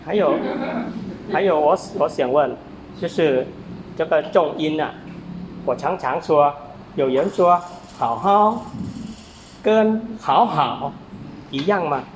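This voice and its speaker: A man's voice: a little high, animated, takes it slowly. A man in a class asking the teacher hesitant questions. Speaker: student. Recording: echoey room, far mic, faint noise.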